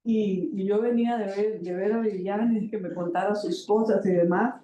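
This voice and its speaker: An older woman from Costa Rica gives a halting personal testimony as a panel guest in a university auditorium, pausing often and using fillers and repeated words. Her voice is medium-pitched, steady, and mellow, and the room is echoey.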